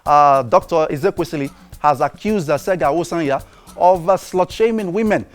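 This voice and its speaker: A man's voice: a little high, normal speed, faint music behind. A Nigerian man hosting a TV news show, commenting on social media and reading tweets aloud with frequent fillers. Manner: conversational, many fillers, reads quotes aloud. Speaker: TV news host.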